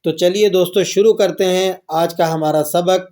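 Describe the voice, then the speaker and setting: Man, recitation teacher, high voice, patient explanation, slow drawn-out recitation. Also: fairly even intonation, darkish tone. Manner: explains rules, then recites verses slowly and drawn out. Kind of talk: tajweed lesson with recitation.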